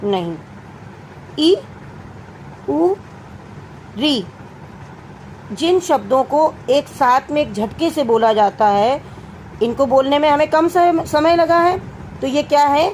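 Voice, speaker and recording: A woman's voice: high voice, unhurried, a little mellow, slight background noise, rough recording. A young woman teacher explaining a grammar lesson to children, asking them questions and answering them herself, calling them dear. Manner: addresses students as "beta".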